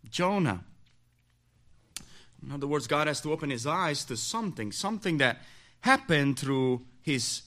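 A man preaching an evening sermon in short, emphatic phrases, slightly hoarse as his voice gives out. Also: mid-range voice, a bit bright.

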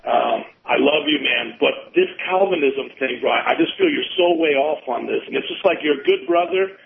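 A man's voice: a little high, creaky, slight background noise. A man calling in on a speakerphone over a phone line, a pastor who earnestly and amiably challenges the host. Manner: earnest, friendly but challenging. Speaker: caller, non-Calvinist pastor. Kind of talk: call-in debate.

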